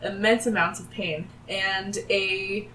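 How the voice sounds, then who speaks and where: A woman narrating a tabletop game as the game master, animatedly acting out the characters' shouts. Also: medium pitch, steady tone, slow pace, slight background noise. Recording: roomy, distant from the mic.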